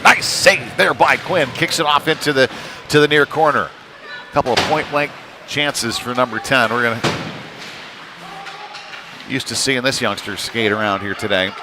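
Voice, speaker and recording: At an indoor ice rink, a medium-pitched man calls live play-by-play for a youth hockey game, halting and conversational, sprinkled with folksy slang. The rink is noisy, and the game's ambience comes through clearly.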